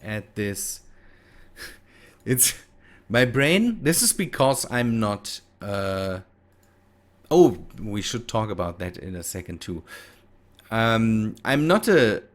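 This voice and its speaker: A man hosts a gaming video, his pitch fairly low but swinging widely as he talks slowly and pauses often. He has a German accent and German as his first language. His commentary is casual and hesitant, thought out aloud with frequent self-corrections.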